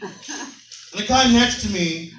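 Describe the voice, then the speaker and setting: A young man works a comedy club crowd with brash, profane storytelling. His voice sits high and sounds bright and sharp. The room is echoey and he is a little distant from the mic. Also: slow, slight background noise. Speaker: stand-up comedian. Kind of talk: stand-up comedy set.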